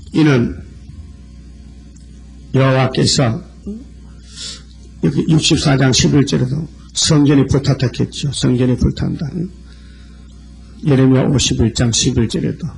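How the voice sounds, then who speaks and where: A man's voice: mid-range voice, gravelly, a little mellow, slightly rough. A man preaching a sermon, reading scripture verses aloud and explaining them one by one. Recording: old lo-fi church sermon tape.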